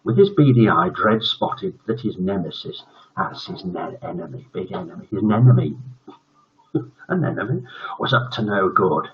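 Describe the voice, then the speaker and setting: He speaks low and animated at a moderate pace, with a husky quality. The speaker, a British man in his seventies, hosts a bedtime story stream where he reads tales and chats casually, and the audio is dull and lo-fi.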